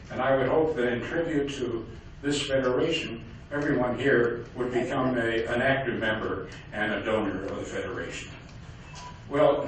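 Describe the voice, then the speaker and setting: An older man giving a speech to a community audience, halting with many fillers and restarts. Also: mid-range voice, a little hiss or hum. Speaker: guest speaker. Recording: echoey hall from far off.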